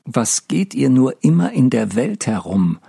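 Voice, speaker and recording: A man voicing a shrewd, gruff old peasant who speaks scornfully in an audiobook reading. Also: medium pitch, big pitch swings, unhurried, warm tone, no room sound, studio quality, pitched above the performer's own voice, heavily acted.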